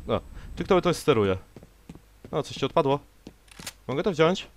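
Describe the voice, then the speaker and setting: A man's voice: on the high side, very animated, moderate pace. A young man doing let's play commentary, sarcastically talking back to the enemies on screen. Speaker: gameplay commentator.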